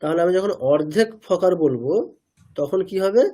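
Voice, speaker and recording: A man with a fairly high but mellow voice leads a pronunciation class. He keeps quizzing his students and echoes their answers back to them. He sounds out single syllables several times over to show how they are made. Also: lively intonation, normal speed. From India. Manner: asks students questions and repeats answers; demonstrates sounds by repeating syllables. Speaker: Sanskrit pronunciation teacher. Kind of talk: online class lecture.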